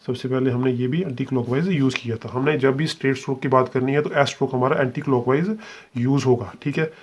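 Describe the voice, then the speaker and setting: A man's voice: medium pitch, fairly even intonation, slightly rough. A man teaching a shorthand lesson step by step, patiently spelling out each sound and checking understanding. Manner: patient, repeats "ठीक है" and spells sounds out slowly.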